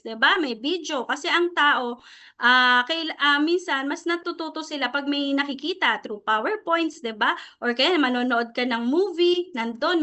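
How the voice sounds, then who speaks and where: A woman's voice: sits high, sharp tone. A middle-aged Filipino woman leading a presentation-skills seminar, mixing Tagalog and English and checking in with her listeners after nearly every phrase. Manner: Taglish, switching freely between Tagalog and English. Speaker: trainer teaching presentation skills. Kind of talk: seminar lecture to a sales team.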